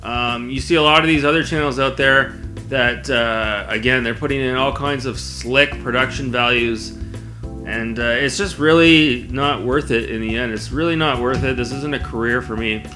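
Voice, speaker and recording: A man's voice: mid-range voice, moderate pace, bright, forceful tone, faint music behind. A man talking casually to camera as a video blogger, in a conversational, rambling way. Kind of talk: casual spoken vlog to camera.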